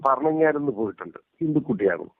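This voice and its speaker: A man's voice: mid-range voice, animated, fast, no echo. A man speaking emphatically in a casual phone conversation, repeating his points, heard over a phone line. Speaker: interviewee. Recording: tinny dry phone line.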